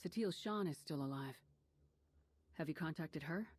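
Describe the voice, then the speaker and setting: Very low-voiced, confident commander. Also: female voice, normal speed. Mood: businesslike. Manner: terse, businesslike. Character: cool, confident female military commander hero. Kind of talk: video game voice acting.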